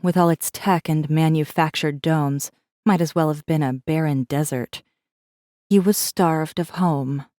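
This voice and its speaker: A woman with a low voice and dark tone, recorded in studio quality with no room sound, narrates an audiobook as a defiant, bitter captive rebel assassin. Her first-person dramatic narration of her own story is intense and brooding.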